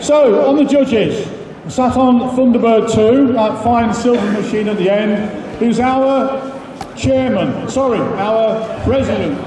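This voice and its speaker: A man with a fairly high voice makes live announcements as a competition host, informal and jokey. He sounds distant and echoey, with crowd noise around him. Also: slow.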